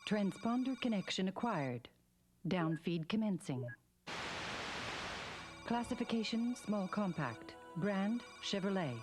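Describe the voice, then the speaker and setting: A woman's voice: medium pitch, animated, slow, pauses often, music in the background. A woman voicing a female sci-fi computer that reads out a data transmission over a communicator in a clipped, formal way. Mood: mechanical.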